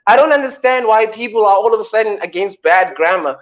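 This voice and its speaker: With a deep voice and an expressive delivery, this South African radio co-host banters playfully, drawing his punchlines out for comic effect. The recording is muffled.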